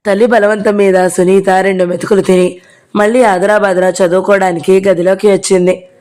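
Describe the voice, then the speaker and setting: A woman's voice: mid-range voice, little pitch movement, moderate pace, a little mellow. A woman narrating a novel as an audiobook, reading the dialogue of each character in her own voice.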